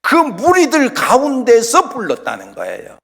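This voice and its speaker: Lively-voiced male pastor preaching in a hall. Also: very high voice, unhurried, gravelly. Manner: emphatic preaching, rising and dropping to near-whispers. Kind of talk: sermon. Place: church sanctuary. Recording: long church hall reverb.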